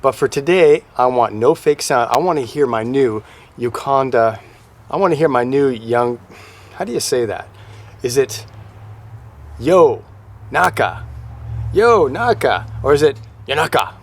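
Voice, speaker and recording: A man's voice: medium pitch, moderate pace. A man hosting a casual car review vlog, chatting enthusiastically to the camera as he works on his car and drives it. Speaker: car channel host. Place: in and around a car, outdoors and driving. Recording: distant camera mic with loud engine and road noise. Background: engine and road noise.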